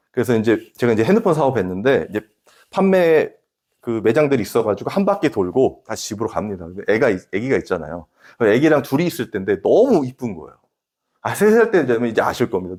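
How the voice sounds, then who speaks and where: A man, a pastor in his forties, preaching a sermon, asking the congregation questions and swinging from emphatic peaks to hushed asides. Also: medium pitch, slightly rough. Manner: addresses congregation directly with questions.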